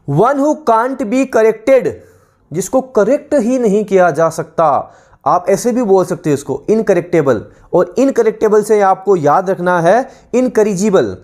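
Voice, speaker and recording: A teacher giving an exam-prep vocabulary lesson, reading each English definition out slowly, then repeating the answer word again and again with explanations. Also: medium pitch, a little mellow. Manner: explains in Hindi mixed with English terms.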